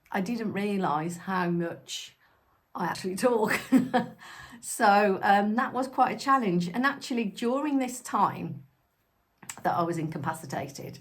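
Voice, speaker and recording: A woman in her fifties talking to camera in a chatty, reflective way, with ums, her voice still recovering after an illness. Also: medium pitch. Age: 50s. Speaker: lifestyle vlogger. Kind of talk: casual direct-to-camera talk.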